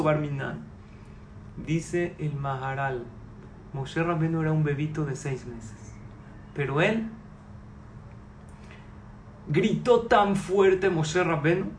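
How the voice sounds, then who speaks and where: A man in his forties leads a religious class before a live audience, his voice sitting a little high for a man. He keeps it animated and peppers the room with rhetorical questions. The sound is roomy and echoey, with a faint hum of noise underneath. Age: 40s. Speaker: Torah teacher.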